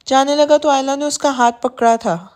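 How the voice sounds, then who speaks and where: A woman narrating a romance novel as an audiobook, reading softly and evenly. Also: high-pitched, fairly even intonation.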